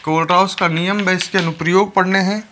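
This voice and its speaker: A male chemistry teacher speaks a little fast in a high, bright, forceful voice with fairly even intonation, with slight background noise behind him. Lecturing his class, he repeats each point and talks to the students directly.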